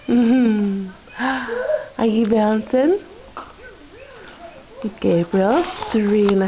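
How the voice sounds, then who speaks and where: A high-voiced woman coos and chats unhurriedly with her small children in her living room. The sound comes from the built-in mic of an old camcorder, dull and muffled, with a steady hiss of noise underneath. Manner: playful, sing-song talk to babies and toddlers. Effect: old camcorder audio. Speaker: mother filming her children. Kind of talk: home video chat.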